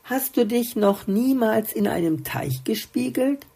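A woman voicing a gentle, wise female blue flower in a storybook, patiently explaining things. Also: fairly high pitch, lively intonation, a little slow, vocal fry, breathy edge, voice pushed up, full character voice.

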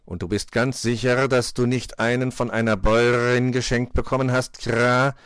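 A man playing a sceptical male raven in a storybook, slow and probing, with a croak between his words. The voice sits only a little above a man's usual pitch. The recording is dry. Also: level tone, fairly bright tone, no room sound, natural voice. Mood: suspicious. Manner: suspicious, probing, croaking "kra".

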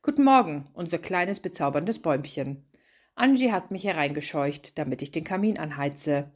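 A woman's voice: deep voice, lively intonation, normal speed. A woman reading the lines of a kind, proud young father in a Christmas story. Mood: gentle. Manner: gentle, affectionate.

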